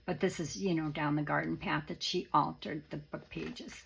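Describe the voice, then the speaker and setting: A woman giving a casual, halting show-and-tell as a craft presenter, with a raspy, worn voice that is starting to go. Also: low voice, steady tone, a bit bright, a little hiss or hum, low-quality recording. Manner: halting, rambling, informal. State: voice starting to go after illness.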